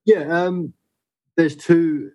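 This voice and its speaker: A man's voice: fairly high pitch, fairly even intonation, dark tone. A man, a guest photographer talking earnestly and unhurriedly in a casual podcast chat. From Southeast London. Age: 30s. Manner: earnest, unhurried, restarts phrases.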